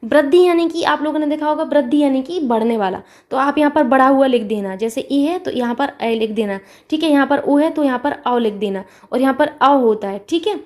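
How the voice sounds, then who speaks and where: A woman's voice: sits high, brisk, few pauses, a little mellow. A woman teacher giving an exam-prep grammar lesson, patient and repetitive, talking straight to her students.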